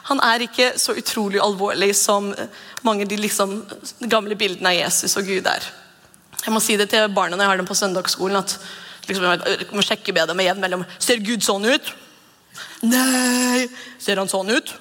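A woman in her thirties giving a casual, expressive devotional talk as a podcast host. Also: mid-range voice, in a large hall. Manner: chatty and expressive, acts out quoted voices.

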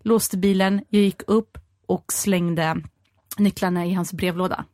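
A woman in casual chat, telling an animated story and acting out quoted phone calls. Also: fairly low pitch, no room sound, clean studio sound.

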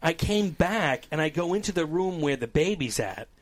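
A man tells a story on a casual talk show. His pitch swoops up and down, and he often jumps into voices for the people in his story. He swears freely, and his voice sits a little high for a man. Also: moderate pace. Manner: animated, swears often, acts out voices while recounting a dream. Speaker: podcast co-host.

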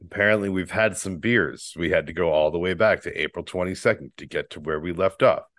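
A man's voice: low voice, brisk, a bit bright, no room sound, clean studio sound. A man co-hosting a podcast, chatting casually over beers, laid-back and swearing freely. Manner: laid-back, swears a lot, laughs easily. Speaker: podcast co-host. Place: borrowed house, indoors.

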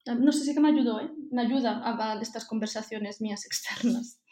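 A woman's voice: on the high side, normal speed, mellow, echoey room. A woman with a Spain Spanish accent, telling her stories as a podcast guest and acting out her own self-talk. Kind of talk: casual conversation.

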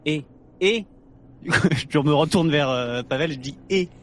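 A man's voice: a little high, unhurried, slight background noise. A man playing a tabletop role-playing game, hesitant and full of fillers, laughing easily. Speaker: player. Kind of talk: casual play chat.

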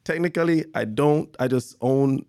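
A man hosting a podcast in a relaxed, easygoing way, with a middle-pitched voice. He tells his own stories at an unhurried pace and often agrees with short replies. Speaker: podcast host. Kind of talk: casual podcast chat.

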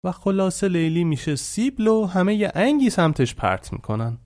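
A man's voice: high voice, sing-song, loud music behind the voice. A man narrating a true story he was told, in a colloquial, reflective storytelling manner.

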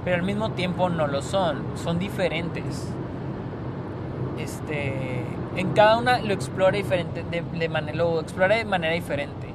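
Male podcast host, northern Mexican accent, high-pitched voice, informal and sweary monologue, recorded in a car with noticeable driving noise. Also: a little slow. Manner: informal and slangy, swearing freely. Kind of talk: casual solo podcast monologue about films. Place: inside a car driving on a highway. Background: vehicle and road noise.

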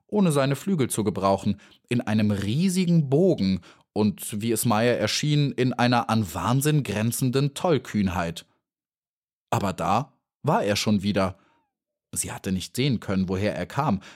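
A man narrating a children's audiobook in a calm, even storytelling manner. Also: fairly low pitch.

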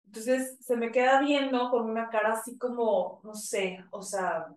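A woman's voice: fairly high pitch, steady tone, a little slow, far from the mic. A woman recounting a personal story in casual conversation, full of fillers and quoted dialogue. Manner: emotional, filler-heavy retelling with many quoted lines. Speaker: guest telling her story. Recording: echoey room, a bit off-mic.

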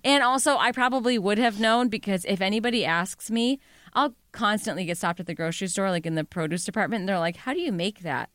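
Smooth-voiced woman, joking storyteller. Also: medium pitch, fast, a bit bright, no echo, studio quality. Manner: joking, self-deprecating storyteller who acts out quotes. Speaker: podcast co-host. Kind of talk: casual chat.

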